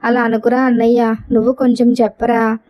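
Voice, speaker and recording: Fed-up young housewife, sarcastic and complaining, slightly high, dull lo-fi storybook recording, voiced by a woman narrator. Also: level tone, brisk, natural voice. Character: young housewife, sharp-tongued and exasperated.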